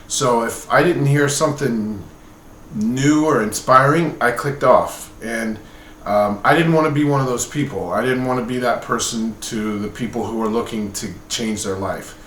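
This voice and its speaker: In this clip a man in his late forties vlogs a casual personal update to the camera, talking candidly and with a bit of hesitation. His voice sits in the mid range with a fairly bright tone. The room echoes noticeably and there's background noise.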